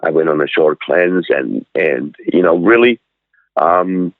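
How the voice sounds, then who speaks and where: A man in his sixties from Switzerland, a cafe owner telling his story in a halting way with many fillers and restarts, over a phone line. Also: low-pitched, no echo. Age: 60s. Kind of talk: casual interview storytelling. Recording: dry, tinny phone-line sound.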